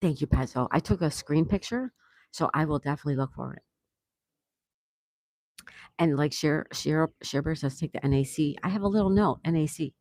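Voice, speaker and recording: A woman's voice: low voice, moderate pace, pauses often, a little mellow, no room sound. An older woman hosting a casual livestream, chatty, reading viewer comments aloud and laughing often. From South Florida, USA. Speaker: livestream host reading chat. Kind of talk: casual live-stream chat.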